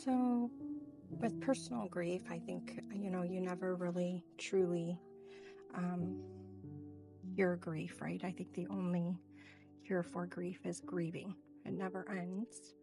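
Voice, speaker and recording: A woman's voice: on the low side, level tone, slow pace, vocal fry, over music. A middle-aged woman speaking as an interview guest in a reflective, conversational style. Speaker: guest, hospice nurse.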